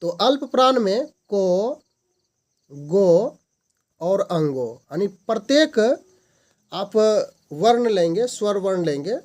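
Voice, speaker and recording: A man's voice: sits high, expressive, slow pace, long pauses, darkish tone. A man teaching a grammar lesson as the host of his channel, stating each definition and then restating it in simpler words.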